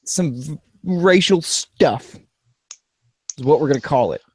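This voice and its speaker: A man co-hosting a casual podcast, talking in a sarcastic, rambling way that swings from flat to animated. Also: a little high, unhurried, breathy edge. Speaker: podcast co-host.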